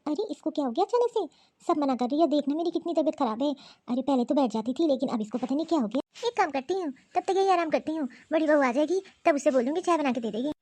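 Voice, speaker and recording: A woman plays a fussy old mother-in-law who feels unwell in a cartoon story. She complains in a high, quick voice and keeps calling for her daughters-in-law. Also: animated, dark tone. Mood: fretful. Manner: complaining, calls out repeatedly.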